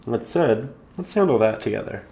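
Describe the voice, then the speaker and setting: A man calmly guiding viewers through a step-by-step painting tutorial, slightly hoarse, in an unhurried, encouraging way. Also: mid-range voice. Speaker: painting instructor.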